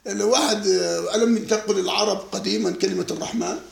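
A man's voice: sits high, fairly even intonation, fast, vocal fry, roomy sound. A man teaching a classical text, lecturing with rhetorical questions and laughing asides. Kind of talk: spontaneous lecture commentary.

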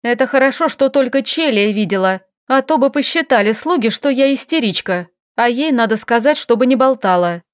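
A woman's voice: on the high side, lively intonation, a little fast, hardly any pauses, clear, resonant tone, no echo, clean studio sound, natural voice. A woman voicing a fiery, capricious young noblewoman who talks in an indignant, demanding, snappy way in an audiobook.

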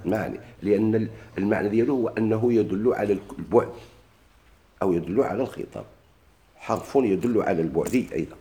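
In a classroom grammar lesson, a man with a Moroccan Arabic accent explains a text, asking his own questions, answering them, and repeating key words often. His voice is fairly low and mellow, and he speaks quickly.

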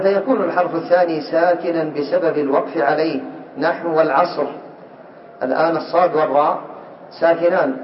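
Man, teacher, classroom lesson, quizzes students, slightly high voice, echoey room, muffled recording. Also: distant mic. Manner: questions students by name, repeats examples slowly. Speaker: teacher of Arabic morphology.

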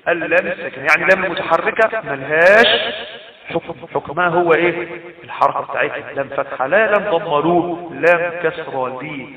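A man with an Egyptian accent teaching Quran recitation rules in a recorded lesson. He explains step by step, repeats his points and asks rhetorical questions. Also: sits high. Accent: Egyptian Arabic. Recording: tinny phone-like sound, roomy and distant from the mic.

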